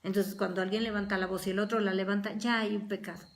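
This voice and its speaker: An earnest woman church teacher gives a Bible study at a mid-range pitch. She talks with conviction and slips into other people's voices to act out small arguments. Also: flat delivery, fast. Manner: earnest, acts out everyday quarrels in quoted voices.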